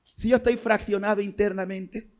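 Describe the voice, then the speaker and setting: Impassioned high-voiced priest preaching. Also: male voice, steady tone, normal speed. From Panama. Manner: impassioned, rising to shouts and dropping low. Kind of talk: sermon.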